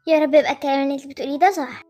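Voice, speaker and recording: A woman's voice: high voice, fairly even intonation, very fast, dark tone, soft background music, lightly acted. A woman with an Egyptian accent voicing a friendly but wary girl who has long lived in a children's home, speaking bluntly. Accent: Egyptian Arabic.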